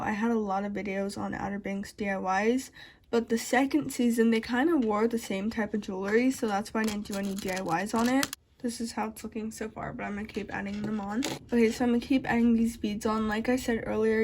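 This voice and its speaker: A woman's voice: fairly high pitch, darkish tone, slight background noise. Chatty woman talking through retainers. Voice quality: slightly altered speech from wearing retainers. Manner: chatty, talks straight to viewers. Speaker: DIY craft vlogger. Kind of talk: casual craft tutorial.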